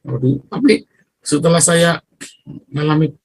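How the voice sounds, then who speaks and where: A man preaching in a loose, conversational way, with a slightly husky voice. He tells stories, acts out the people he quotes and laughs often between points. The sound is close and dry. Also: fairly high pitch, lively intonation, normal speed, no room sound, poor audio. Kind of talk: informal sermon.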